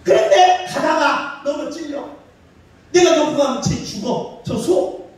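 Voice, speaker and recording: In a church sanctuary, a male pastor with an extremely high voice preaches unhurriedly, asking the congregation questions and answering them himself. The recording comes from far off the mic in an echoey hall.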